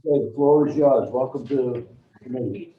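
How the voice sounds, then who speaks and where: A man's voice: mid-range voice, brisk. A man chairing a committee meeting, talking in a loose, casual, joking way. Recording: echoey room from far off, tinny line.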